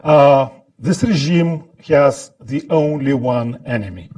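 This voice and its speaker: A man from Lithuania with a Lithuanian accent, giving deliberate, halting remarks as a scholar on a panel, often clearing his throat. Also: mid-range voice, dark tone, far from the mic. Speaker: think-tank scholar, panel speaker. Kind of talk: prepared remarks at a panel talk.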